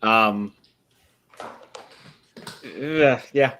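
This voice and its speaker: A man's voice: medium pitch, very slow, a bit bright, a little hiss or hum. A man on a casual podcast panel, giving laid-back short replies.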